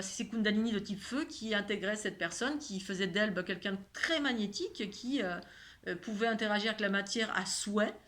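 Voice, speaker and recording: A woman's voice: mid-range voice, a bit bright. Woman with a slight lisp, rambling monologue. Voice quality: slight lisp, slushy s sounds. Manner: rambling, repeats words and phrases for emphasis. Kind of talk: casual spoken monologue about spirituality.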